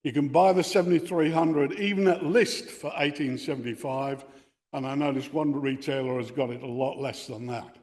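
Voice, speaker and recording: An older Australian man, speaking for an amateur radio club, lectures on technical subjects in a medium-pitched, slightly mellow voice at a moderate pace. The recording comes from a reverberant indoor meeting room where equipment rests on a bench.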